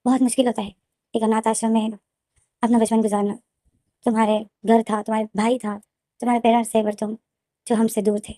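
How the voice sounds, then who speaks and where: Storybook mom, middle-aged and emotional, firm with her children, mellow low-key tone, dry close sound, read by a woman narrator. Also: flat delivery, fairly quick, pauses often, no echo, natural voice. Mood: tearful. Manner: emotional, scolding by turns. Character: loving mother, middle-aged, tearful then stern.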